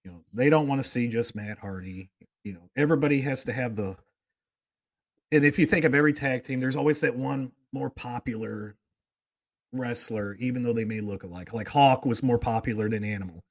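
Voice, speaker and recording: A man leads a relaxed talk show chat, spinning eager fan anecdotes that keep veering into tangents. The recording is clean studio sound without echo, and his mid-range voice moves at a moderate pace.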